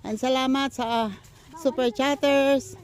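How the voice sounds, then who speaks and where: In a high voice with fairly even intonation, an older woman speaks unhurriedly while walking outdoors in the countryside. Breathless, she thanks her supporters in a casual, rambling vlog chat peppered with fillers and restarts.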